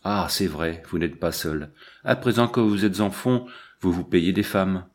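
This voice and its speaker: A man's voice: sits low, unhurried. A man voicing a drunken, angry male accomplice who speaks in a bitter, accusing way.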